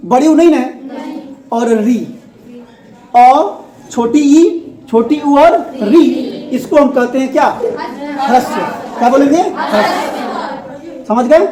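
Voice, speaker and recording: A woman teacher giving a grammar lesson in a classroom, asking questions, repeating the answers and laughing often. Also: high-pitched. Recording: echoey classroom.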